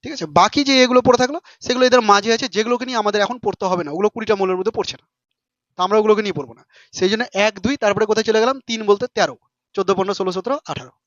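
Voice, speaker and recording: A man teaches a classroom lesson at a rapid clip, informal and peppering his students with quick questions. His voice sits high. The recording is dry, slightly dull yet a bit bright, with no echo.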